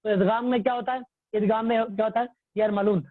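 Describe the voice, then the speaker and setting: A male tajweed teacher with a high-pitched, steady voice runs an online religious class, patiently repeating points and quizzing students by posing questions and answering them himself. The sound is dry and close with no echo, coming through a tinny, phone-like call line from a phone or computer mic on a video call.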